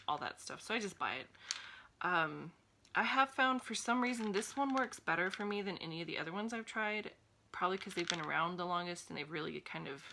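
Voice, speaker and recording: A woman's voice: on the low side, gravelly, sharp tone, a little hiss or hum. A woman in her thirties from the United States, chatting casually in a home vlog with frequent ums and laughs, a little winded. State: a little out of breath. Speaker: vlogger. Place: home room.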